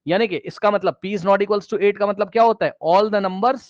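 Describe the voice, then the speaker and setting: A man's voice: high voice, normal speed, no room sound, highs cut off. A man teaching a math class, questioning students directly and repeating key phrases, mixing English math terms into his explanation.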